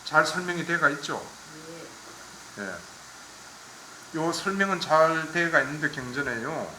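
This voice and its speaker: A man's voice: a little high, expressive, measured pace, sharp tone, slight background noise. A man from giving a Buddhist dharma lecture with plain explanations, asking listeners to agree as he goes. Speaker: Buddhist teacher. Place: temple lecture hall. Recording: echoey room.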